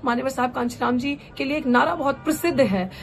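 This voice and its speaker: A woman's voice: sits high, fast, vocal fry, a little hiss or hum. A young adult woman, a political candidate and activist, giving an impassioned, rousing speech, slipping English phrases into her talk. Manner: fervent, rousing, mixes English phrases into Hindi.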